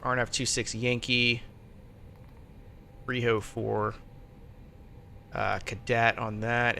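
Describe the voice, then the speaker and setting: A man streaming as a virtual pilot, casually thinking aloud and muttering to himself as he works through steps. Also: pushed and bright. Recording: faint background noise and low rumble.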